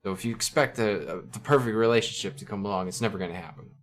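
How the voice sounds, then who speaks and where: A man's voice: lowish voice, fast talker. A man hosting a channel, talking casually and thoughtfully with many fillers and restarts into a compressed desk mic. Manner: reflective, conversational, frequent fillers and restarts. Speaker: channel host analyzing song lyrics. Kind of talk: casual spoken commentary. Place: indoors at a computer. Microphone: compressor on a desk mic at a computer.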